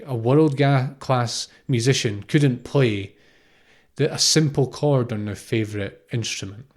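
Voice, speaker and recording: A Scottish man in his thirties, a spiritual teacher and podcast host, speaks in a medium-pitched, slightly mellow voice. His spiritual talk is unscripted and informal, reflective in tone, and he often repeats phrases or asks questions.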